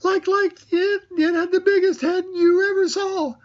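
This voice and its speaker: Tiny timid piglet, very high squeaky voice, stammering, breathless, muffled lo-fi sound. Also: male voice, steady tone, unhurried. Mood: flustered. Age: older. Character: tiny timid young male piglet, easily panicked. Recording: dull lo-fi recording.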